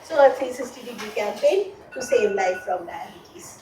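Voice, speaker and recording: A woman's voice: medium pitch, animated, moderate pace. A woman presenting a group project, hesitant with many fillers. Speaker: course participant presenting. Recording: echoey room, distant mic, faint noise.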